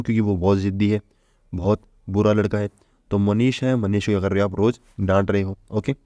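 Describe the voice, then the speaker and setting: Guy teaching vocab, talks chatty, keeps asking and answering himself, lowish dark voice, dry close mic. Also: dry recording. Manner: chatty, asks and answers own questions. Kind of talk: casual Hindi exam-prep lesson.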